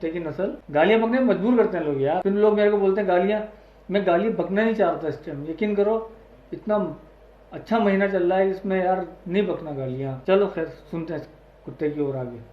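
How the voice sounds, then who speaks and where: A man's voice: high voice, quick pace. A man hosting an online video, giving heated, crude reaction commentary full of swearing. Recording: echoey, dull lo-fi audio.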